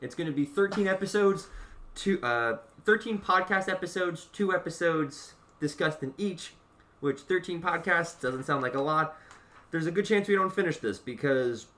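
A man's voice: fairly high pitch, expressive, moderate pace, a bit bright, recorded from a distance, slight background noise. A man hosting a casual podcast, chatty and self-deprecating, laughing often as he talks. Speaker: podcast host. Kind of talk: casual chat.

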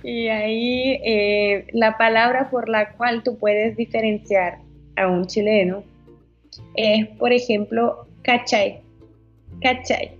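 Husky woman chatting about accents. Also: a little high, slow pace, dull audio, soft background music. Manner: lively, laughs often, playful imitations. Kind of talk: casual chat about Spanish accents.

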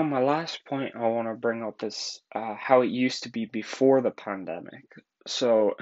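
A man's voice: mid-range voice, darkish tone, muffled recording. A man in his twenties with an Irish accent, hosting a solo podcast in a rambling, casual way with frequent laughs. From Ireland. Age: 20s. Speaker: podcast host.

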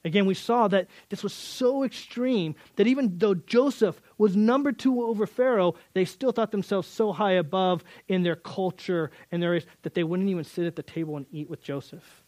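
A man's voice: high voice, normal speed, hardly any pauses, a little mellow, no room sound. A man teaching through a Bible passage in earnest, often repeating words as he builds emphasis.

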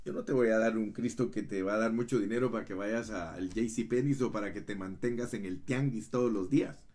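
A man preaching a fervent sermon as pastor, swinging between loud emphatic runs and soft hushed asides, often calling listeners brother. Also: fairly low pitch.

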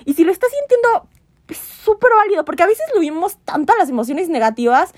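A woman's voice: very high-pitched, fast, no room sound, studio quality. A young woman, chatting casually on a podcast and acting out quoted voices. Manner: animated, laughs often, acts out quoted voices. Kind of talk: casual chat.

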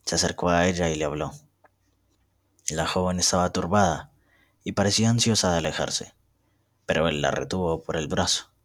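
A young man, a student, reading a novel aloud in a steady, measured way. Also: low voice, no room sound, studio quality. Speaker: student narrator.

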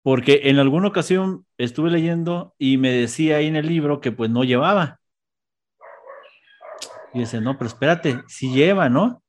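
A man's voice: a little high, normal speed, darkish tone. A man, a schoolteacher hosting a live stream, chatting casually and reading out viewers' greetings. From Mexico. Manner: friendly, reads out viewer greetings. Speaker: teacher at a school.

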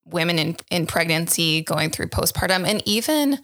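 A woman's voice: lowish voice, lively intonation, moderate pace, a bit bright. A woman hosting a podcast interview in a casual, agreeable way, laughing easily and affirming her guest often. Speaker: podcast host.

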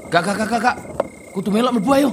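An actor playing a bold, nosy young man, teasing and swinging from loud to soft in a radio drama. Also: high-pitched, quick pace, slight background noise. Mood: eager.

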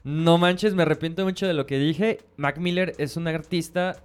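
A man's voice: a little high, steady tone, moderate pace, clean tone. A man with a Mexican Spanish accent, co-hosting a podcast in casual, slangy chat and laughing often. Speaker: podcast co-host.

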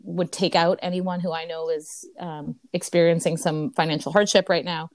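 A woman co-hosting a team podcast, chatting casually in an upbeat way with a loud voice and many fillers. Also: lowish voice, little pitch movement, moderate pace, dry recording, clean studio sound. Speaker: podcast co-host. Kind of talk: casual chat.

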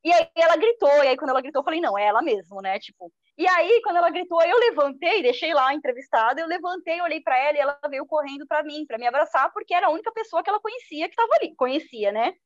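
A woman with a high voice recounts her reporting days in an interview, lively and acting out quoted speech. The sound is dull and lo-fi and very dry. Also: quick pace, hardly any pauses, no room sound. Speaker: journalist. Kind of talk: personal storytelling in an interview.

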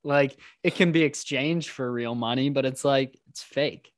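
A man's voice: mid-range voice, a little slow, dry recording, studio quality. A young man guest on a podcast, talking easily and casually, hedging his points with lots of "like.". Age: young adult. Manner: easygoing, hedging, "like"-filled. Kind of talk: casual chat.

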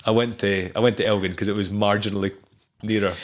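A man's voice: on the low side, little pitch movement, quick pace. A man with a broad Scottish accent chatting casually as a podcast guest, dropping Scots dialect words into his English. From Scotland. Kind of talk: casual interview chat.

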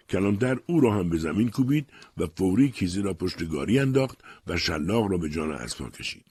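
A man narrating a novel as an audiobook reader in measured storytelling. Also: deep voice, a little mellow, breathy edge, dry recording. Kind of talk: scripted narration.

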